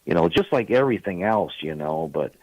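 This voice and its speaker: A man's voice: deep voice, lively intonation, a little fast, darkish tone, slightly rough, no room sound, poor audio. Rambling older male radio caller. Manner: rambling, chatty storytelling with many fillers. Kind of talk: casual call-in chat.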